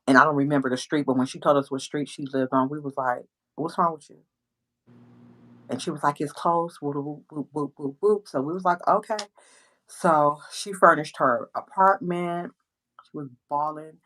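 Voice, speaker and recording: A woman hosting a casual chat, telling a story with lively acted-out quotes. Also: low-pitched, rough recording. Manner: animated storyteller, acts out quoted voices. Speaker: host.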